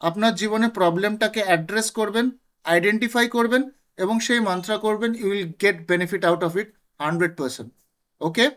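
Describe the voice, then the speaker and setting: A woman teaching astrology in an explanatory lecture, slow and deliberate, switching between two languages. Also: medium pitch.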